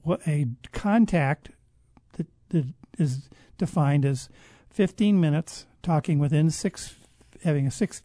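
A man speaking as a guest expert in a conversational interview, explaining at length in a measured way and often restarting his sentences. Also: fairly high pitch, dark tone, dry recording. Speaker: guest expert on public health.

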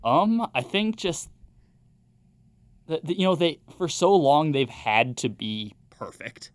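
A young man on a sports podcast, calmly analyzing a college football team. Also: on the high side. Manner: measured, analytical. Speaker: podcast co-host, sports reporter.

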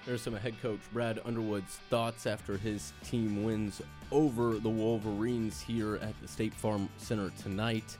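A man's voice: on the low side, flat delivery, a little slow, few pauses, over music. A man hosting a sports radio postgame show, moving through texts and sponsor reads.

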